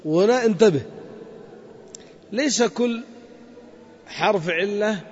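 High-voiced man teaching in an echoey hall. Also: takes it slowly, slight background noise. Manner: methodical, repeats points and quizzes students. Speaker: grammar teacher. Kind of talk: classroom grammar lesson. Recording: dull lo-fi sound in a reverberant hall.

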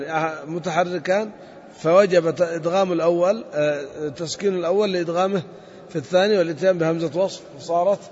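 A high-voiced man leads a classroom grammar lesson, breaking each rule into steps and tossing short questions to his students. The recording is dull and lo-fi, with his voice ringing through a long hall reverb. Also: a little mellow. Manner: explains step by step, quizzing students with short questions. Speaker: Arabic grammar teacher. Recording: echoey hall, dull lo-fi sound.

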